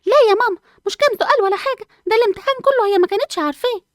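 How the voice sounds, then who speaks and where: A woman's voice: very high voice, very fast, no room sound, clean studio sound. A woman voicing a sensible, studious schoolgirl twin with an Egyptian accent, lecturing her sister. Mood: indignant. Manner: indignant, lecturing.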